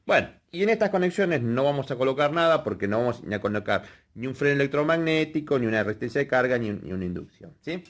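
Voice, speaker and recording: Instructor, male, patient step-by-step explainer, mid-pitched voice. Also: very animated, fast. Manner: explanatory, checks in with frequent "¿sí?" and "fíjense". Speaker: electrical workshop instructor. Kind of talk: hands-on technical lesson.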